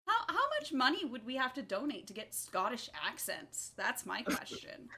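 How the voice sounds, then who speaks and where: A woman hosting a charity speedrun livestream, upbeat and brisk as she counts runners in. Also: on the high side, very animated, crowd noise. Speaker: speedathon event host.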